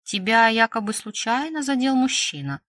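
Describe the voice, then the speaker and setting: A woman's voice: fairly high pitch, big pitch swings, moderate pace, fairly bright tone, no room sound. A woman reading an audiobook voices a young woman's friend who teases and mocks in a sly, giggly way. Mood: teasing.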